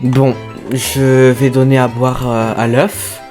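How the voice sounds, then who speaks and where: A woman streamer giving casual gaming commentary, excitable and prone to loud, squealing outbursts. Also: a bass voice, slow pace. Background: faint background music.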